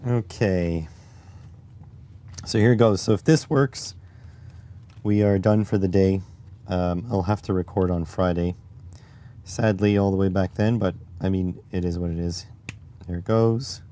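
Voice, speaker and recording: Slow, deep-voiced raspy man tinkering. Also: steady tone, dark tone. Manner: muttering to himself while working, reading chat aloud. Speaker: streamer. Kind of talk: casual live-stream electronics tinkering.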